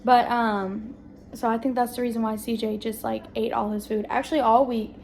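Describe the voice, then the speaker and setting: A woman's voice: on the high side, fairly even intonation, moderate pace, a little mellow, slight background noise. A young woman vlogging at home to her phone, with a chatty, rambling way of talking to her viewers. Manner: chatty, rambling, southern-tinged "y'all". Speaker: family vlogger. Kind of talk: casual chat to camera. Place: at home indoors.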